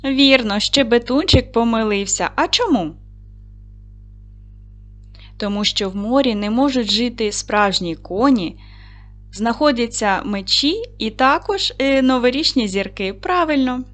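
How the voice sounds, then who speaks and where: A woman teaching a video lesson to second graders, speaking in a clear, patient and encouraging classroom manner. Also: a little high, animated, a little slow, a bit bright. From Ukraine. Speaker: primary school teacher.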